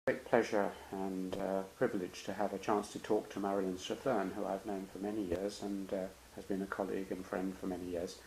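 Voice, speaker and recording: A man interviewing a longtime colleague, asking gentle, prompting questions with a light touch of humour. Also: low-pitched, little pitch movement, fairly quick, hardly any pauses, slight background noise, low-quality recording.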